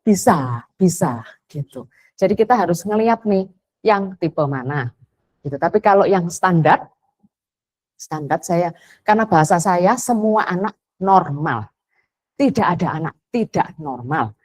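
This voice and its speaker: A woman's voice: fairly low pitch, animated, unhurried, pauses often. A woman, giving a chatty parenting talk and slipping into English phrases. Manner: chatty, mixes English phrases, acts out quotes. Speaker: parenting educator.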